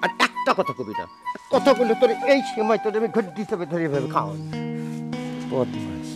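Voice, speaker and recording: A man's voice: sits high, wildly swooping pitch, brisk, loud music behind the voice. An actor playing a middle-aged, belligerent drunk village father in a comic TV drama, ranting sarcastically in a rural Bangladeshi accent. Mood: indignant.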